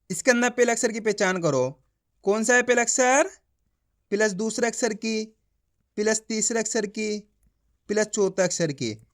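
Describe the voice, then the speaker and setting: A male teacher giving a beginner reading lesson, sounding out each word syllable by syllable, then blending it and coaching viewers directly. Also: high-pitched.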